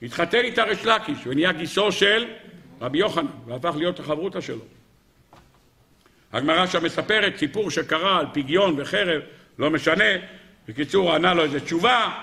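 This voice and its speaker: A man giving a Talmudic sermon, telling stories dramatically, swinging between loud exclamations and hushed low passages and acting out the rabbis' dialogue. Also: expressive, creaky. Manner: addresses audience as "gentlemen", acts out rabbis' dialogue. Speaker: rabbi lecturer.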